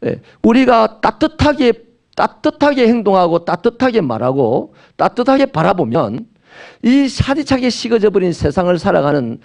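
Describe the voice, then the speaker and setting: A middle-aged pastor with a Gyeongsang accent preaching with humor, often slipping into little acted-out exchanges. His voice sits fairly high for a man and swings widely up and down. A gravelly rasp runs through his delivery. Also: very animated, normal speed, a little mellow. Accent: Gyeongsang Korean. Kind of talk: sermon.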